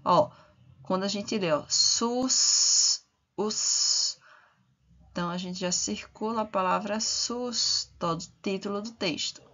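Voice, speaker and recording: A woman teacher, giving a primary school reading lesson and slowly sounding out syllables one by one. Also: medium pitch, fairly bright tone, dull audio. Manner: slow and deliberate, sounding out syllables.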